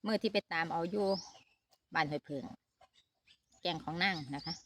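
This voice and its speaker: Her lowish, fairly bright voice moves at a moderate pace over a slight hiss or hum. She's a middle-aged mother with an Isan Thai accent from Northeast Thailand, giving viewers a chatty family vlog update, full of fillers, from a shaded farm on a handheld phone.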